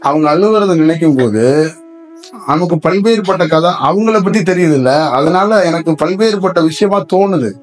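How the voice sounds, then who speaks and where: A man's voice: sits high, expressive, moderate pace, soft background music. Man teaching with rhetorical questions. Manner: rambling, asks many rhetorical questions. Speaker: spiritual teacher. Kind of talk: spiritual discourse to listeners.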